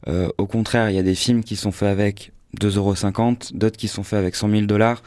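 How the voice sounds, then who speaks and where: A film festival programmer joins a live radio show as a guest, speaking fairly quickly in a voice on the low side, with no room sound in the studio. He's relaxed but hesitant, talking casually with many fillers and restarts.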